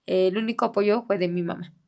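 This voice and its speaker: A middle-aged woman speaking in a halting, soft-spoken way, with many fillers and restarts, as a bereaved mother giving an interview. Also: mid-range voice, fairly even intonation, gravelly. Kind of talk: personal testimony in an interview.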